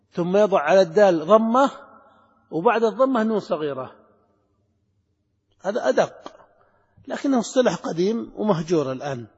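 High-voiced man teaching in a hall. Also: darkish tone, slightly rough. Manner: repeats key words and asks the class questions. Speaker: grammar teacher. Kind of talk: classroom lesson explaining grammar. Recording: lo-fi lecture hall recording with long reverb.

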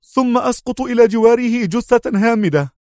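A man voicing a nervous young police lieutenant who speaks high, tense and shaky. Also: normal speed, darkish tone, dry recording, studio quality, natural voice. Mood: frightened.

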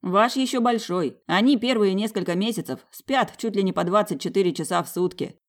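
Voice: mid-range voice, brisk, pitched above the performer's own voice, lightly acted. A reader voicing an amused, incredulous young male friend in audiobook dialogue.

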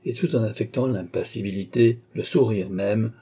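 A man narrating a classic novel in a steady literary reading. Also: fairly low pitch, normal speed, husky. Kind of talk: audiobook reading.

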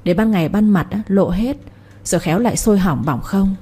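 A woman voicing a gruff, greedy village father who scolds and schemes. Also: mid-range voice, a little fast, dark tone, close to an everyday voice. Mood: scheming. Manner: coarse, scolding, domineering.

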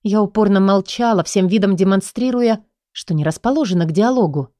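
A woman reads a first-person romance audiobook in a dramatic, emotionally charged way. Her voice is mellow and dark in tone, at a middle pitch, and recorded dry and close. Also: a little fast, dry recording. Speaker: audiobook narrator.

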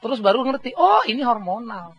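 Lively, husky-voiced male pastor preaching. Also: very high voice, brisk, muffled recording. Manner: animated storytelling with acted-out voices and humor; mixes English words into speech. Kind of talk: sermon.

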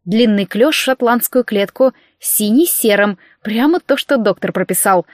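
A woman narrating a novel in first person with lively, wry storytelling. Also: medium pitch, normal speed, no echo, studio quality. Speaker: audiobook narrator.

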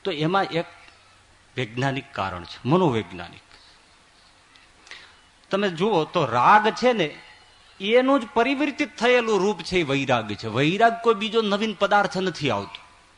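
A man giving a sermon as a swami, telling stories with voiced quotes and swinging from loud to soft. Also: sits high, very animated, a little slow, pauses often. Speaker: swami preacher.

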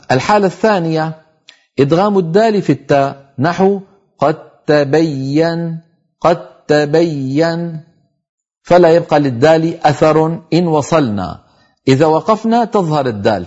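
A middle-aged man teaching tajweed on a televised lesson, explaining each rule and reciting the example words slowly. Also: a little high, darkish tone, breathy edge, dull audio.

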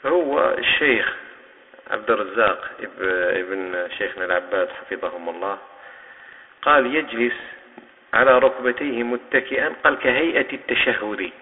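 Algerian sheikh teaching in an echoing mosque. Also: male voice, mid-range voice, normal speed. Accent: Algerian Arabic. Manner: patient, explaining terms and coaching students to demonstrate. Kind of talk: hadith commentary lesson. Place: mosque hall. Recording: tinny lo-fi recording with long mosque reverb.

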